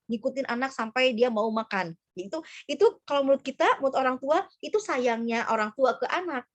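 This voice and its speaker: A woman's voice: sits high, no room sound. A woman, a school psychologist giving an informal parenting talk to mothers over a video call, with many fillers and restarts.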